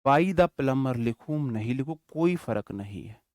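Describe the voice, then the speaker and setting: A man's voice: medium pitch, animated, a little slow, a little mellow, no echo, clean studio sound. A man giving an online English grammar lesson, dictating example sentences word by word and checking in often with the class. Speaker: English teacher.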